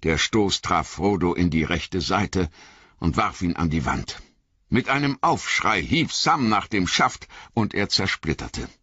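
An audiobook narrator with a very deep, husky voice reads in a dramatic, expressive way, unhurried, his pitch swinging widely. The recording is dry, with no room sound and a bright edge, yet somewhat dull and lo-fi overall.

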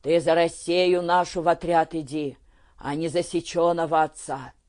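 A man reading an audiobook, voicing a sick, bitter, short-tempered old peasant father who shouts gruffly in folk dialect. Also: fairly high pitch, level tone, normal speed, no echo, clean studio sound, close to an everyday voice. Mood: stern.

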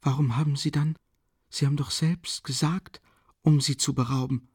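A man reading an audiobook voices a timid, pious young woman with quick, pleading questions. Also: on the high side, fairly even intonation, a little mellow, husky, no room sound, studio quality, voice pushed up.

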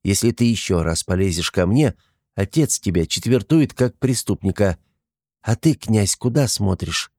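A bold, sharp-tongued young mountain woman, voiced by a male narrator in a low voice. She speaks bluntly and makes threats. The sound is dry and close. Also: expressive, moderate pace, dry recording. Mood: indignant.

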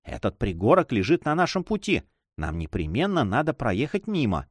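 A shrewd, loyal old-world majordomo, read by a man, deferential and reassuring. His voice is lively in pitch, and the sound is dry and close. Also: normal speed, no room sound.

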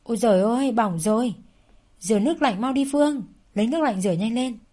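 A woman voicing a panicked older housekeeper who shouts urgent orders in a raised, higher voice. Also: expressive, fast talker.

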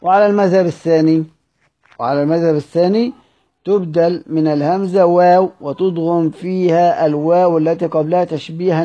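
A man's voice: fairly high pitch, dark tone. A man with an Egyptian Arabic accent who teaches Quran recitation. He reads a classical text aloud, then explains it in colloquial speech and keeps asking rhetorical questions. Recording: dull lo-fi audio recording.

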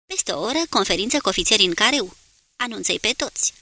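A woman's voice: medium pitch, lively intonation, pushed and bright, dry recording. A woman reading the lines of a tired, burdened male submarine commander in an audiobook.

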